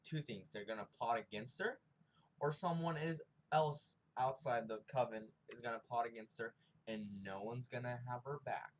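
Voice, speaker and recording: A man's voice: mid-range voice, moderate pace, low-quality recording. Slangy young man rambling a recap. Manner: rambling, slangy, acts out characters' lines. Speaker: TV episode reviewer. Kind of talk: casual recap and review.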